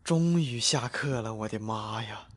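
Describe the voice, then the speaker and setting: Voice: mid-range voice, unhurried, noisy background, lightly acted. An actor voicing an anxious student muttering nervously to himself in a comic cartoon skit. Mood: anxious relief. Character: anxious student double-checking his laptop is off.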